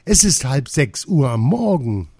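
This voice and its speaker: Ein neckendes junges Mädchen, das ein Mann mit angehobener Stimme spielt, hell und vorlaut in einer Geschichte erzählt. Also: male voice, mid-range voice, very animated, unhurried, dark tone, slightly rough, dry recording, clean studio sound, pitched above the performer's own voice, exaggerated voice. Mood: cheeky. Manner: cheeky, teasing. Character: cheeky young circus girl.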